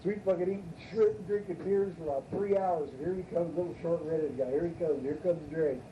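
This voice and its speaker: An older man telling rambling, profane stories from his past in a rough, casual way. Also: on the high side, fast talker. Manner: rough, profane, drawling delivery. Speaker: storytelling father. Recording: muffled distant tape recording, faint hiss.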